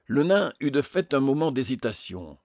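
A man's voice: medium pitch, dry recording. Man reading a novel aloud, dry. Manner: measured, even storytelling. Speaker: narrator. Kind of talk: audiobook reading.

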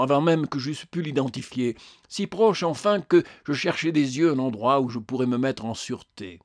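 A man reading a story aloud as narrator in a steady, measured way. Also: medium pitch, no room sound, studio quality. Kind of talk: audiobook narration.

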